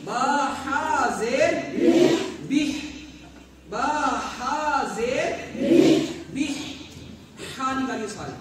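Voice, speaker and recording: A male teacher with a Pakistani Urdu accent, spelling out letters, chanting verses slowly and quizzing pupils by name in a classroom lesson. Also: very high-pitched, lively intonation, a loud crowd. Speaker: Quran recitation teacher. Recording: echoey distant room with noise.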